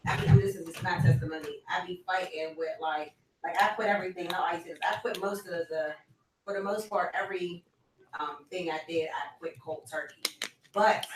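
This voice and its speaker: A man's voice: high-pitched, recorded from a distance. Guest in a talk, man, casual and filler-heavy, set back from the mic in a roomy space with faint hiss. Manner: chatty, many "like" fillers, shares personal testimony. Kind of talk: casual chat.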